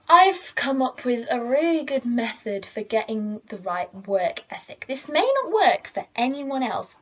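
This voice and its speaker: A woman's voice: fairly high pitch, muffled recording, a little hiss or hum. A teenage girl telling a story to camera in a chatty, rambling way, full of asides. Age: teens. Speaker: vlogger. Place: indoors at home. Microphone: laptop or camera mic.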